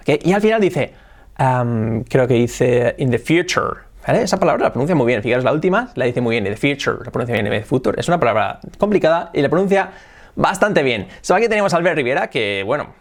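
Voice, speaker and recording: Man, pronunciation teacher, casual video lesson, slow drawn-out example phrases, keeps asking "ok?". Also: mid-range voice, sing-song.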